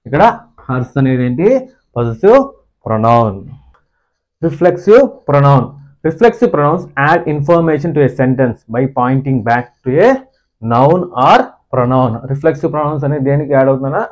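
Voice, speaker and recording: A man with a Telugu accent teaching English grammar. He reads English definitions slowly and deliberately, then explains quickly and asks the class questions. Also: medium pitch, darkish tone, dull audio. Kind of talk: classroom-style grammar lesson.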